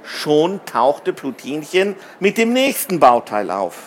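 A man reading a children's story aloud in an expressive, measured way. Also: on the high side, a little hiss or hum. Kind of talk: scripted narration of a children's story.

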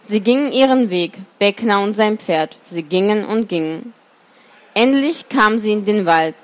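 A woman's voice: medium pitch, lively intonation, moderate pace. A woman reading a children's story aloud as storyteller, then commenting with some hesitation. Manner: hesitant with fillers when commenting.

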